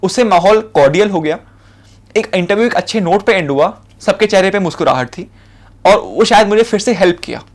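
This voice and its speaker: A man's voice: high-pitched, lively intonation, brisk. A young man with an Indian accent, giving a spoken lecture of interview advice in a casual, conversational way, with fillers and repeated short points. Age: young adult. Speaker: civil services officer giving interview advice.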